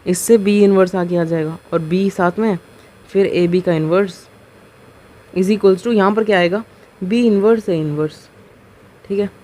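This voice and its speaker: A man's voice: high voice, darkish tone, a little hiss or hum. A man teaching maths, explaining a proof step by step. He keeps asking rhetorical questions and checking that students follow. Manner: patient and step-by-step, slowing on key terms. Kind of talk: board lecture explaining a proof.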